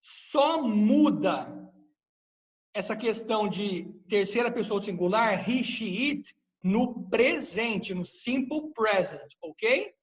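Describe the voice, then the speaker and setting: A man's voice: high-pitched, animated, slow pace, poor audio. A man teaching English grammar in a live online class, patiently explaining and quizzing his students with questions.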